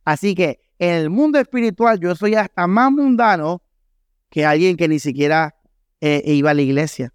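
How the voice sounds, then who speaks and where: A man's voice: a little high, normal speed, clear, resonant tone, no echo, studio quality. A man preaching a sermon in a church, with a Colombian Caribbean Spanish accent, speaking emphatically and firing rhetorical questions at the congregation. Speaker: pastor. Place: church hall.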